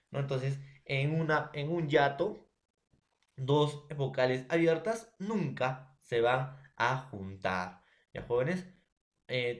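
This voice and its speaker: A man with a Peruvian Spanish accent teaching a recorded grammar lesson, often checking in with his students. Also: medium pitch. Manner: addresses students as jóvenes, checks with ¿ya?.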